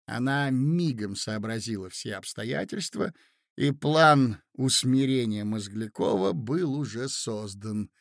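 A man reading classic literature aloud as an audiobook, in steady, even narration. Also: medium pitch, slow pace, vocal fry, no echo, studio quality.

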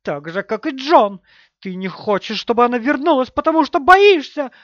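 A man's voice: extremely high pitch, lively intonation, moderate pace, a bit bright, no room sound, dull audio, voice pushed up. A man voicing a desperate grieving mother who shrieks and begs in an audiobook. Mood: hysterical. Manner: shrieking, begging. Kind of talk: audiobook character voice.

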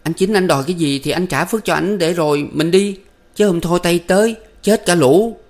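Male narrator putting on a shrill young woman, pleading and frantic, audiobook story. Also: normal speed, close to an everyday voice. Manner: high pleading put-on woman's voice.

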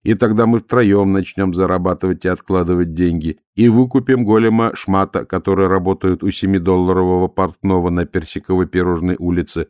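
A polite clay golem talks slowly and evenly, as a man reads him. The voice sits low and stays plain, caught in a dry, close recording from an audiobook. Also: clear, resonant tone, dry recording, natural voice. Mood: calm earnest. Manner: even, measured, unhurried.

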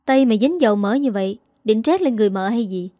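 A woman's voice: on the high side, animated, fast, warm tone, no echo, studio quality, close to an everyday voice. A woman voicing a surly young male servant who scolds bluntly, in a spoken story. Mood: scolding.

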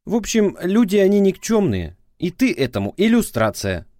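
A man's voice: high voice, huge pitch swings, normal speed, dark tone, no room sound, studio quality, pitched above the performer's own voice. A man voicing a scornful, nagging ex-wife who lectures and mocks in a prosecutorial tone. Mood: lecturing.

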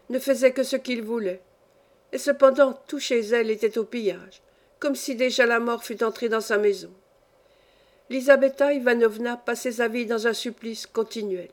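Woman, audiobook reader, literary narration, measured, clear, fairly high voice.

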